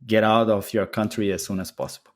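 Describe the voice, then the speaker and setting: A Brazilian man with a Brazilian Portuguese accent chats casually as a podcast guest, answering questions in a lowish, fairly even voice at a fast clip. He often restarts phrases and laughs while telling anecdotes.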